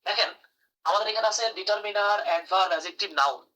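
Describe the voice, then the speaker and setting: A man's voice: sits high, quick pace, pushed and bright, recorded from a distance, rough recording. A man teaching English grammar in a live online class, calling on students by name and praising their answers.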